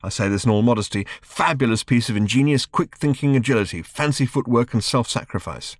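A man's voice: mid-range voice, a little fast, no echo, studio quality, voice pushed up, lightly acted. A man voicing Ford, an impatient, self-regarding alien man, in an audiobook reading. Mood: smug. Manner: clipped, impatient, earnest. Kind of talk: audiobook character voice.

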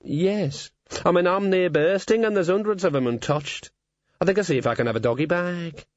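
A man's voice: sits high, normal speed, no echo, pitched above the performer's own voice, natural voice. A man voicing a greedy, sardonic male raven with a gossipy, offhand manner. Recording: dull lo-fi recording.

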